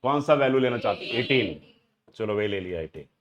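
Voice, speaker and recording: With a lowish, expressive voice at normal speed and dull audio, a middle-aged man from India lectures a live math class. He moves step by step, constantly questioning the students while switching between Hindi and English.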